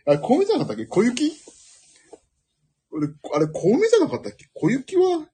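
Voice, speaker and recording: Talking solo on his podcast in a loose, rambling style, a man speaks a little fast in a breathy, very husky voice. His pitch swings widely, climbing high when he's excited and dropping low for asides, and he laughs at his own jokes.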